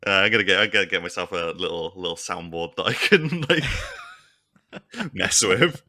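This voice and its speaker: A man's voice: low voice, expressive, normal speed, sharp tone. A man co-hosting a podcast in casual chat, playful and laughing often. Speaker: podcast co-host.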